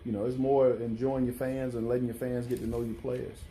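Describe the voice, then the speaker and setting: A man answering interview questions as a football coach, speaking haltingly and rephrasing as he goes. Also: medium pitch, level tone, warm tone, slight background noise, rough recording. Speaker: college football head coach.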